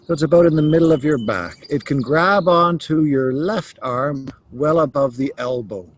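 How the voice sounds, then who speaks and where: A man leading a yoga class, calmly cueing each stretch step by step. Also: a little high, no echo. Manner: slow, calm cueing of stretches. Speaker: yoga teacher. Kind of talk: guided yoga instruction.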